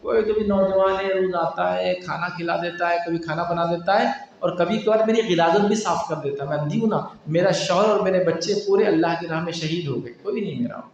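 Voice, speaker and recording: A male preacher quoting a poor, lonely blind old widow in soft, plain speech, recorded from a distance in an echoey hall. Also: sits high, creaky, hardly any pauses, dull audio. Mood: plaintive. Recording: echoey hall, distant mic, faint noise.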